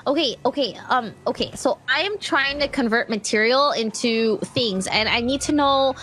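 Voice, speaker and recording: A young woman chatting in character in a roleplay game, bubbly and animated, often giggling. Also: a little high, moderate pace, a little hiss or hum. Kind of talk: casual in-character roleplay chat.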